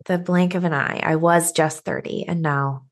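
Upbeat woman podcast co-host, slightly low voice. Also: steady tone, normal speed. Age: 30s. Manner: friendly, laughing often, upbeat. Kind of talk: casual chat.

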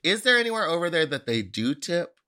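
A man with an American accent, a host and drag performer, in casual comic chat with an animated, sweary manner. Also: fairly high pitch, brisk.

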